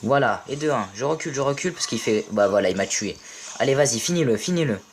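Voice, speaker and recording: A young French man casually commentating a mobile game match, playful and excitable, joking and swearing at his teammates. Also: mid-range voice, fast talker, slight background noise. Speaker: gaming video commentator.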